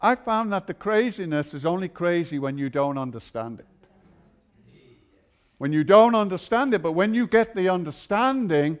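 A man's voice: high-pitched, animated, moderate pace. A man preaching in an exuberant, erratic charismatic style, with joking asides. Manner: exuberant, erratic, interjecting nonsense exclamations and chuckling; swings from quiet speech to shouting. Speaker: guest preacher, pastor.

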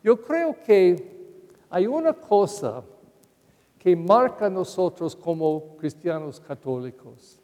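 Older male parish priest for a Sunday homily: unhurried, anecdotal storytelling in a fairly high, mellow voice, church echo. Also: very animated.

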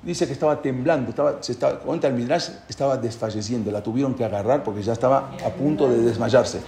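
A man's voice: medium pitch, fast, crowd noise. A man teaching a religious lesson as a story, retelling it with animation and acting out the characters' dialogue in different voices. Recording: roomy echo.

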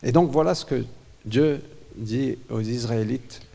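A man preaching a sermon in short phrases that pause for an interpreter, dramatic and lively, acting out the voices of the people. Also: mid-range voice, vocal fry. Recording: reverberant church hall.

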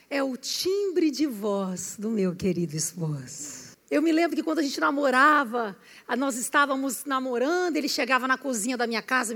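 Woman, Brazilian accent, high gravelly voice, animated sermon, long echo of a church hall. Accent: Brazilian Portuguese. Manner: animated, switching voices, rising into shouted emphasis. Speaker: preacher. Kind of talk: lively sermon with acted-out anecdotes. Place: church hall, preaching to a congregation. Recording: reverberant hall.

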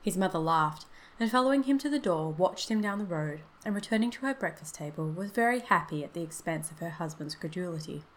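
A woman narrating a classic story in a steady, expressive reading. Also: on the low side, a little fast, few pauses, rough recording. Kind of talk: scripted narration.

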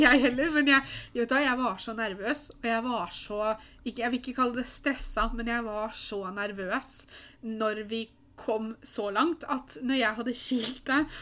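Young woman, slightly high pitch, giggly animated storyteller. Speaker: friend of the bride. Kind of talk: casual storytelling chat.

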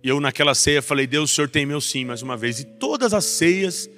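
Man, Brazilian accent, pastor, sermon testimony, fervent peaks and hushed lows, bright voice. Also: expressive, a little fast. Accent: Brazilian Portuguese. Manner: builds to intense raised passages, then drops soft. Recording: faint music underneath.

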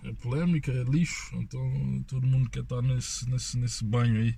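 A man's voice: medium pitch, fairly even intonation, moderate pace, vocal fry, dark tone, husky. A man as a podcast guest in casual banter, repeating himself and stalling with fillers.

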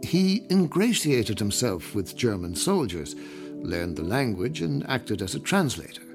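A man with a mid-pitched voice narrates an audio guide in a scripted documentary style. Music plays clearly behind his voice. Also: sing-song, measured pace.

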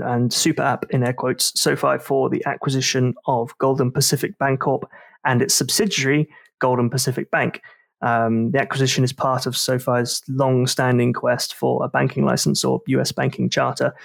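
A man talks through a podcast segment, with a rambling, self-deprecating delivery full of fillers. His voice carries a gravelly fry and sounds dry and close, with no room around it. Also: medium pitch, no room sound. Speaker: podcast host. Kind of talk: casual podcast discussion.

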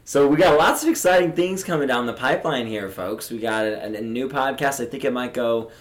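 A man's voice: medium pitch, brisk. A young man hosting a podcast, chatting casually and rambling with easy laughs. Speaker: podcast host. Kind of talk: casual chat.

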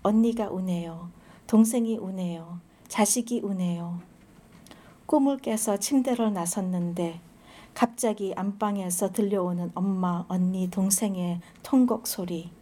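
A woman giving a poetry reading, reading slowly and in a measured way, with short introductions full of hesitant pauses. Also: medium pitch, warm tone.

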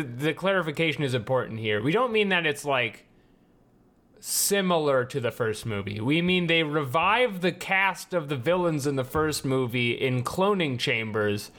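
A man who is a podcast guest, chatting casually and dropping wry, deadpan jokes. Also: a little high. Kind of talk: casual chat.

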